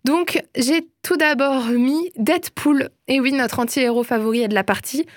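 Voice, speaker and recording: A woman's voice: high-pitched, moderate pace, dry recording. Bubbly young woman, dry close sound. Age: young adult. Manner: chatty, enthusiastic, laughs often. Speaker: host. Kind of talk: casual film and series recommendations.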